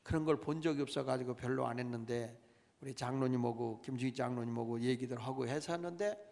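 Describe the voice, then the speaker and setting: A man's voice: medium pitch, fast, creaky, a little mellow. A middle-aged male pastor preaching a sermon, calling out to his congregation and pressing each point with dramatic emphasis. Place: church sanctuary. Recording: long church reverb.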